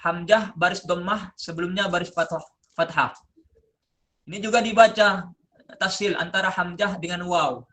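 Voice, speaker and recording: A man presenting a lesson on recitation, explaining step by step and slowly chanting drawn-out example words. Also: sits high, fairly even intonation, bright, forceful tone. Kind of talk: classroom-style lesson presentation.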